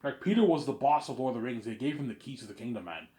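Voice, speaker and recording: A young man with a warm, medium-pitched voice speaks quickly and with animation in a loose monologue for his personal series on a planned film. He's blunt, circles back over the same points, and keeps starting phrases over.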